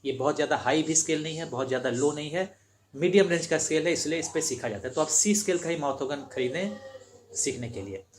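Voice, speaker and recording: A man's voice: fairly high pitch, lively intonation, quick pace, a little hiss or hum. Patient man teaching beginners harmonica. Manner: patient, repetitive step-by-step explaining. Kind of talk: instructional demonstration.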